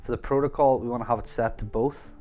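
A man's voice: mid-range voice, fairly even intonation, quick pace, dark tone, muffled recording, faint music behind. A man with a Northern Irish accent narrating a step-by-step tech tutorial over a screen recording, casually repeating the same phrases as he walks through each setting. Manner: step-by-step, repeats "gonna wanna". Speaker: tutorial host.

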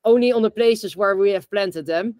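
Here the bamboo reforestation founder, a young Dutchman, answers interview questions by video call from indoors. His high, slightly mellow voice moves at a normal speed without room sound, though his speech stumbles with many fillers and false starts.

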